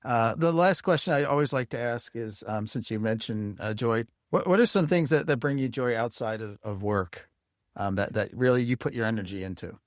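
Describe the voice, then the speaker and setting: A man's voice: mid-range voice, normal speed, no room sound, studio quality. A man hosting a podcast interview, chatting casually and rambling with lots of fillers. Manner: rambling, many fillers like "you know". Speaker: podcast host.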